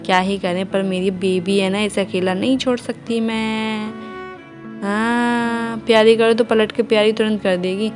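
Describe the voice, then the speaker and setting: A woman's voice: mid-range voice, flat delivery, unhurried, faint music behind. Chatty young mother vlogging at home. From India. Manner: chatty, homely, talks to viewers and baby. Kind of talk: casual vlog narration to viewers. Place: home indoors.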